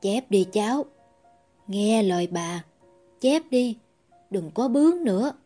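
Male narrator doing a gentle fretting old granny, soft and pleading, pitched high and quiet. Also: animated, a little slow, faint music behind. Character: gentle, worried old grandmother.

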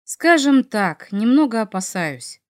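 A woman's voice: medium pitch, expressive, normal speed, natural voice. A woman reading as a cocky young male dragon. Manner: teasing, self-assured. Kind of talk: audiobook character reading.

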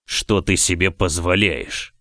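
A man's voice: on the low side, animated, normal speed, a bit bright, dry recording, studio quality. A man voicing a stern noble husband in an audiobook, speaking coldly in clipped, lecturing sentences. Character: stern lord husband, cold and controlled.

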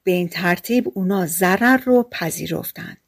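A woman narrating a fairy-tale audiobook in a steady, measured storytelling manner. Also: fairly low pitch.

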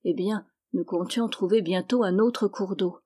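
A woman voicing an exhausted, tender man stranded in the desert, speaking gently and wearily in an audiobook. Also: mid-range voice, unhurried, slightly rough. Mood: weary. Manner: gentle, weary, subdued. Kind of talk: audiobook reading.

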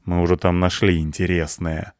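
Man doing a grumpy sharp-tongued girl. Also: on the low side, animated, moderate pace, no echo, clean studio sound, close to an everyday voice. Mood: angry. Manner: gruff, snapping. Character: grumpy young female cleaner, sharp-tongued.

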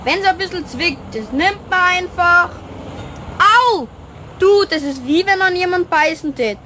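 In a children's radio play, a young performer plays a curious, bossy schoolboy, speaking plainly and cheekily in a boyish way with a Bavarian accent. The exaggerated voice is very high-pitched and sharp, with lively intonation and a slightly slow pace. There is slight background noise.

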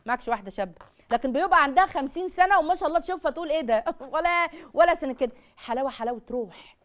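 A fast-talking Egyptian woman teaching a religious lesson with a high-pitched voice. She keeps things lively, throwing rhetorical questions at her listeners and acting out short exchanges as she goes. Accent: Egyptian Arabic. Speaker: lecturer on marriage and family.

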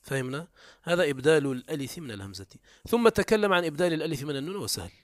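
A man giving a classroom lecture on Arabic morphology, explaining step by step, asking quick comprehension questions, and reciting rhymed prose examples. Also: animated, no echo, clean studio sound. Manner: shifts often between raised emphatic and low quiet delivery.

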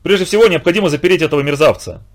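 A man's voice: a little high, very fast, pitched above the performer's own voice, lightly acted. Man voicing a clever, commanding boy. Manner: decisive, commanding.

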